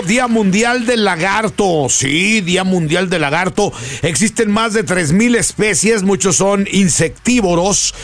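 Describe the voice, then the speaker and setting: High-pitched, theatrical Mexican radio man. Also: slight background noise. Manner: theatrical, sing-song delivery. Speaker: morning radio show host. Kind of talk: upbeat radio show banter and announcements.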